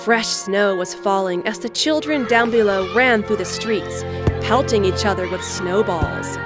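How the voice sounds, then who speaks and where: A woman with a medium-pitched voice reads scripted story narration a little slowly, serving as the narrator of an audio drama. Background music plays underneath.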